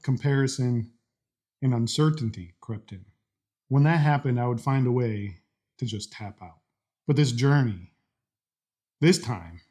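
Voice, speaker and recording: A man with a husky, relaxed voice talks to his vlog audience about faith and motivation. He is earnest and deliberate, breaking his thoughts into short phrases with pauses. His pitch sits in an ordinary middle range. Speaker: host of a daily challenge vlog. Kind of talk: motivational talk to camera with a faith message.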